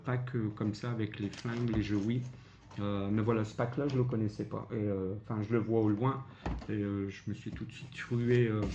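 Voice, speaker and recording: A man with a Belgian French accent casually showing his flea market video game finds, hesitant with many filler sounds. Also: fairly low pitch. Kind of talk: casual vlog commentary. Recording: dull lo-fi home recording with noise.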